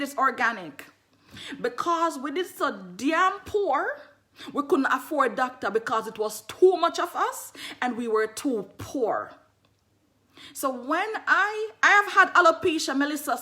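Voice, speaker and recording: A lively Jamaican woman, an herbalist selling skincare, chats casually on a livestream in a slightly high voice. She's animated, greets viewers mid-sentence, and repeats phrases.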